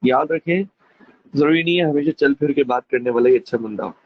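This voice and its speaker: A male teacher gives a classroom lecture, calling students friends, mixing in English phrases and demonstrating with lively emphasis. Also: mid-range voice, fairly quick, dry recording. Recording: dull lo-fi dry recording.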